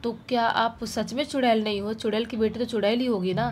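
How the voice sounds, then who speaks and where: A woman's voice: on the high side, fairly even intonation, brisk, darkish tone, slight background noise, lightly acted. A woman voicing a friendly young male village biryani seller who reassures and asks many questions, in her own voice. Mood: kind, eager.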